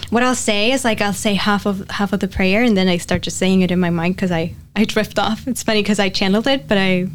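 A young woman guest on a podcast, chatting casually and describing a spiritual channeling, often laughing and dropping to a soft near-whisper. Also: mid-range voice, fairly even intonation, fairly quick.

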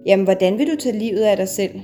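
Woman doing a nurse, kind-sounding but distant, soft mellow voice, guitar faint underneath. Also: mid-range voice, lively intonation, close to an everyday voice. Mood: comforting. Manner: comforting yet distant. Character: well-meaning, measured female nurse.

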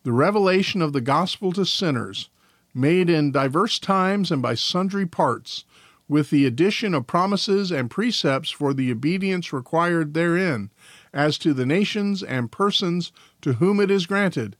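A man with a somewhat high voice reads devotional passages and old confession text aloud as a podcast host. He goes at a careful, measured pace and sometimes stumbles over a word and corrects himself. The recording is dry and close, with no room sound. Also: animated, dry recording. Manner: careful reading, now and then trips over words.

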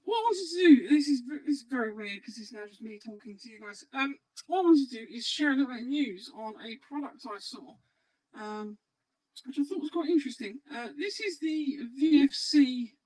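A man hosting a casual livestream, talking through a voice changer that pitches his voice up to sound like a girl, hesitant with many ums. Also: no room sound, poor audio. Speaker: podcast host.

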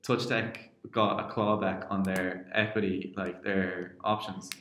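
Young male co-host, lowish voice, unscripted and sweary podcast banter, heavy cave echo. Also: little pitch movement, unhurried, a bit bright, a little hiss or hum. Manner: sweary, informal. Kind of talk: casual unscripted podcast chat. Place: cave room in a basement. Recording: echoey cave-like room.

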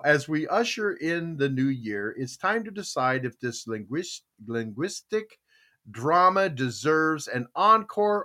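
A man hosting a talk show, chatting casually and reading items aloud with theatrical, drawn-out emphasis. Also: mid-range voice, pushed and bright.

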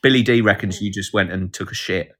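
The host of a live podcast, a man with a fairly low, fairly bright voice, speaks briskly. His talk is loose and full of jokes, and he rambles while reading out comments from the chat.

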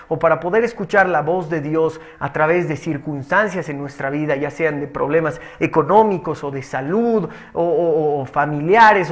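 A man preaches in a fairly high voice. He tells a parable with quoted dialogue, then builds his exhortation on repeated phrases. His delivery is a steady pulpit sermon.

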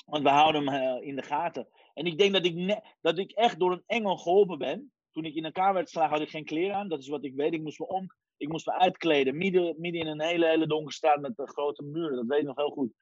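A man in his forties from Iran, a guest telling his life story in a lively casual way, sprinkling in English phrases. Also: fairly high pitch, quick pace, no echo. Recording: dry, dull lo-fi sound.

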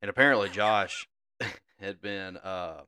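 A young man, a podcast co-host telling a family story in a casual, animated way and laughing often. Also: sits low, slow pace, clean tone.

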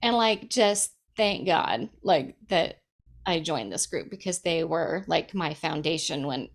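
A woman's voice: low-pitched, expressive, measured pace. A woman in her thirties sharing a personal testimony in casual chat, emotional, laughing often and filling with "like". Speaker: guest.

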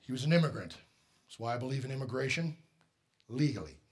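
A middle-aged male pastor preaching a sermon, telling a personal story, shifting from quiet asides to loud, emphatic peaks. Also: medium pitch, animated, fast talker, husky.

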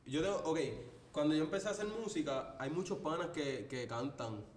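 A man, a music producer guesting on a podcast, relaxed and laughing easily. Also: moderate pace, far from the mic. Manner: relaxed, laughing, repetitive fillers. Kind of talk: casual chat. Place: podcast studio. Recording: echoey room, off-mic, faint rumble.

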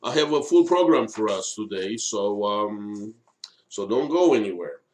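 A man hosting an unscripted live stream of political commentary, speaking haltingly with many filled pauses. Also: on the low side, expressive, a little mellow. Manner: halting, frequent long hesitations and filled pauses.

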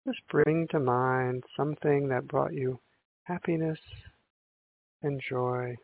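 A man leading a guided meditation in a slow, soothing sleep story narrator manner, with long pauses between gentle instructions. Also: mid-range voice, steady tone, creaky. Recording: muffled, phone-like narrow sound.

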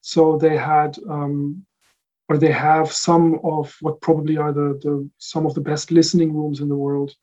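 A man from the Netherlands answers questions in relaxed conversation, pausing often with fillers and restarting his sentences. His voice sits a little high for a man but sounds mellow and warm. The audio is slightly dull, like a lo-fi recording. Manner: thoughtful, many fillers and restarts. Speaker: recording engineer guest. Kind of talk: casual interview answers.

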